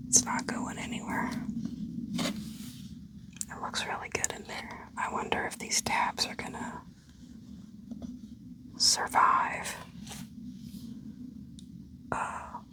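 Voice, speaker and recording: A woman whispering an ASMR unboxing commentary, hushed and unhurried, as if musing aloud to herself. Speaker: unboxing video host.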